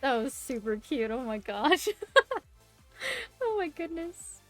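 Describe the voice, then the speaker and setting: A woman's voice: high voice, expressive, takes it slowly. A woman hosting a casual live stream, giggly and gushing over a cat. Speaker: host. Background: faint background music.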